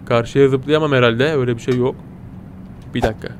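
A man giving playful, excitable let's-play commentary, chatting to his viewers and yelping at every surprise. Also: medium pitch, brisk, slight background noise. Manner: excitable, yelps and squeals at surprises, talks to viewers as "kitties". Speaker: gaming channel host.

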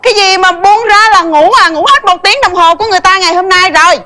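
A woman's voice: very high voice, pushed and bright, a little hiss or hum. An actress playing a bossy, scheming wife who nags her singer husband in a stage comedy sketch. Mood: nagging. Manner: nagging, fast and exclamatory. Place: television studio stage.

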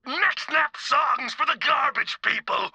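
A man voicing a deranged psycho brute in a video game, speaking grandiose, gory nonsense in a harsh gravelly rasp. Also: very high-pitched, bright, forceful tone, no echo, heavily acted. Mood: manic. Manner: slow, unhinged, grandiose word salad. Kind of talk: video game character acting.

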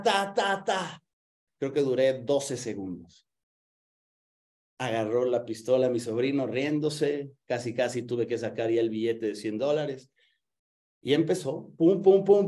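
A man hosting a live online business masterclass, energetic, asking the audience questions and acting out stories with sound effects. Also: a little high.

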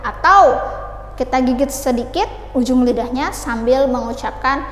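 A young woman teaching English pronunciation to beginners, patiently asking and answering her own questions and modeling words slowly. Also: high-pitched, a little hiss or hum. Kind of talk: beginner language lesson. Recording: echoey room with long reverb, faint ambience.

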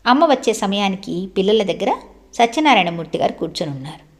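A woman narrates a devotional audiobook, reading in a measured, unhurried storytelling manner. Her voice rests at a middle pitch and holds a steady, even line from sentence to sentence.

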